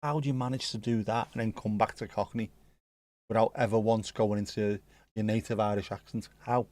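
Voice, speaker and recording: A man's voice: on the low side, fairly even intonation, fairly quick, a little mellow, dry recording. A man with a Scouse accent, hosting a livestream and chatting casually with viewers, joking and swearing now and then. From Liverpool area, England. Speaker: livestream host. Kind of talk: casual chat reacting to live chat.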